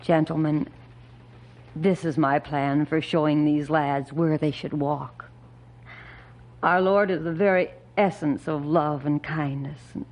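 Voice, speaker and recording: A firm old widow on old-time radio. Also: female voice, deep voice. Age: older. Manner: calm, earnest, reads scripture solemnly. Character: pious older widow, gentle and firm. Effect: old radio show broadcast. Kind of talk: 1950s radio drama acting.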